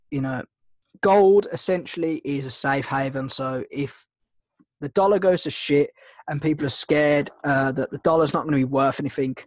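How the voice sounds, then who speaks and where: Hosting a trading webinar, this mentor speaks in a voice on the high side while fighting a slight cold. His screen-share teaching is casual and rambling, packed with ums and restarts. The recording is dry.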